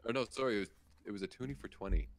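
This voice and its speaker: A podcast co-host with a low-ish, racing voice chats loosely on a casual talk show. He laughs, swears, and reads news items aloud, stumbling over them and tossing in asides.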